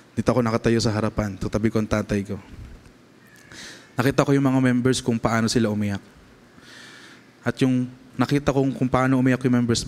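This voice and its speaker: A young man with a Filipino accent preaches from the pulpit, shifting between Tagalog and English and checking in with the congregation as he goes. His voice sits in an ordinary middle register. The sound carries the long, lingering reverb of a church hall. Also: medium pitch. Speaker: pastor. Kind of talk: sermon with personal testimony. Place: church sanctuary.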